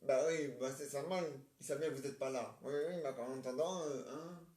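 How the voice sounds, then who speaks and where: A man acting out a comic play and switching between roles, halting and stammering as he repeats his words. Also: fairly high pitch, warm tone. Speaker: amateur stage performer. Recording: roomy, distant mic.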